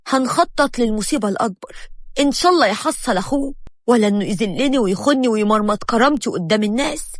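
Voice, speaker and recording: A woman's voice: fairly high pitch, no room sound. A woman voicing a jealous, scheming wife with an Egyptian accent, reading a story aloud with a resentful, spiteful manner.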